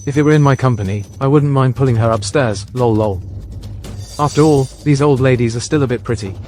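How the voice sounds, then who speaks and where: A man's voice: mid-range voice, fairly quick, darkish tone, soft background music, close to an everyday voice. A man voicing a fawning, leering lumber businessman in an English drama dub. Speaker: dub actor.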